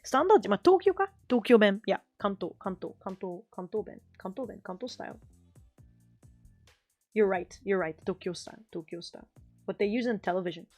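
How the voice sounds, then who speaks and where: A woman's voice: medium pitch, lively intonation, moderate pace, a little mellow, dull audio, soft background music. A woman with a Kansai accent, chatting casually as a live-stream host, rambling and correcting herself as she switches between Japanese and English. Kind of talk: casual chat while drawing.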